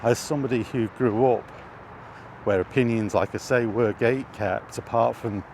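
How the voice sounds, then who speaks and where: Walking outdoors through an urban area, a middle-aged British vlogger rambles casually as he thinks aloud, often hesitating over his words. He has a medium-pitched, darkish voice at normal speed. The recording is noisy, with clear traffic, street, and vehicle sounds.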